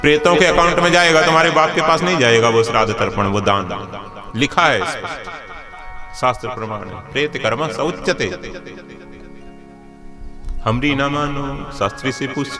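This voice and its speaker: A man's voice: medium pitch, fairly quick, music in the background. A man preaching as a swami, telling a dramatic religious story, acting out its characters, and chanting Sanskrit verses. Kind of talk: sermon storytelling.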